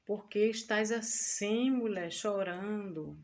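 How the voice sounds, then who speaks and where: A woman voicing a gentle angel who reassures a weeping mother. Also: mid-range voice, slow pace, noisy background. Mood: reassuring. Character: gentle comforting angel sent by God.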